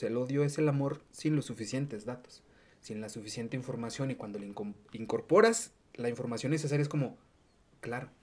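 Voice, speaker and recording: A woman with a Mexican accent hosting a podcast, musing aloud and chatting casually with her guest. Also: rumbling low. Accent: Mexican Spanish. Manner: reflective, chatty, muses aloud. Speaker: podcast host.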